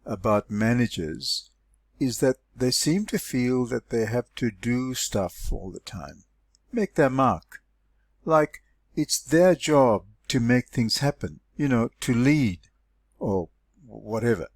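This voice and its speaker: A man's voice: medium pitch, lively intonation, takes it slowly, no room sound, clean studio sound. A man reading aloud the part of a puzzled, sceptical business colleague, conversational and questioning. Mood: sceptical, musing. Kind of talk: story dialogue read aloud.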